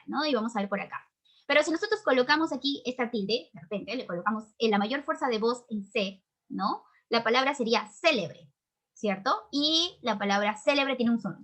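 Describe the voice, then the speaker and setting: A woman with a Peruvian accent teaches a grammar lesson in a fairly high voice. She explains step by step, often pausing to check that the listener is following. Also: a bit bright. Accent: Peruvian Spanish. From Peru. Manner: explains patiently with many tag questions.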